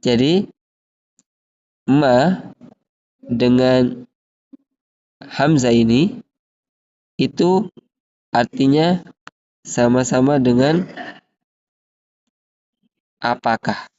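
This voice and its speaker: A man, teaching an Arabic lesson, reading example phrases slowly and explaining them patiently. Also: medium pitch, highs cut off. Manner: slow, drawn-out drill reading of example phrases, then steady explaining.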